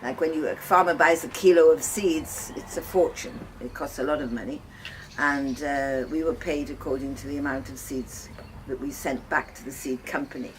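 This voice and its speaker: An older Welsh woman with a very deep voice, a farmer's wife who hosts guest lodging, casually tells her guests her life story. She reminisces in a halting, conversational way. A guest filmed this informal talk on a home video full of ambient noise.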